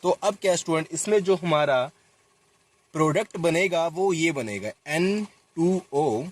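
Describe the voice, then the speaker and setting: Young guy teaching chem, talks to students, fixes himself mid-word, voice a bit high. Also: expressive, unhurried. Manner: addresses students directly, repeats and self-corrects while writing. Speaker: chemistry teacher. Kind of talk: chalk-talk lesson explaining a reaction.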